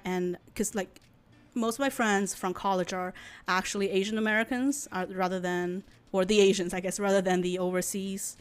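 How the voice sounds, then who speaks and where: In a casual interview, a Chinese guest in her late twenties, a native speaker of Chinese, answers questions thoughtfully with a mid-range, clean-toned voice, pausing often and using many fillers.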